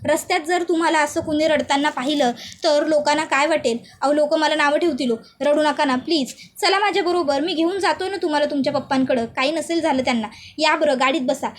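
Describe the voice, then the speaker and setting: A woman's voice: high-pitched, fairly quick, hardly any pauses, close to an everyday voice. A woman voicing a good-natured young husband who pleads and coaxes his upset wife, in a serial recap. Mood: coaxing. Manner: pleading, coaxing.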